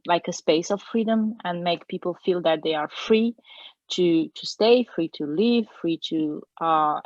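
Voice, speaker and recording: A woman's voice: lowish voice, no echo, lo-fi sound. A woman from Morocco, a guest on a webinar, speaking thoughtfully and hesitantly with many fillers. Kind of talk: thoughtful panel talk.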